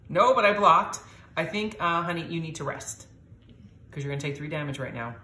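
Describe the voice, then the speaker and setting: A low-pitched woman, middle-aged, chatting casually to viewers as she plays a board game at home and talks through each rule. Her voice sits in a roomy space with a faint hiss behind it. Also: lively intonation, a little fast, pushed and bright. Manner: explains rules aloud, chatty, reacts with little exclamations. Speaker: host playing a board game with her daughter.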